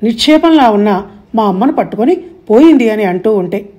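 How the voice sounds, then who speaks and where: A woman narrating an audiobook story in a steady, measured way. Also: fairly high pitch, breathy edge, muffled recording.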